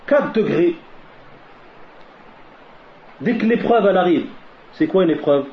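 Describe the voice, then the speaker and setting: A man's voice: high voice, lively intonation, a little slow. A man giving a religious lesson who keeps asking questions and answering them himself, mixing Arabic religious phrases into his French and repeating key lines for emphasis. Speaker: preacher. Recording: dull lo-fi recording with faint noise.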